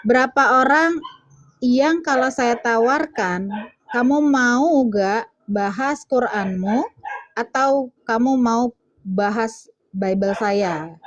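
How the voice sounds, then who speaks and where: A woman's voice: a little high, highs cut off, a little hiss or hum. A woman hosting a casual livestream debate, teasing and challenging her callers, laughing at them. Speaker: livestream host.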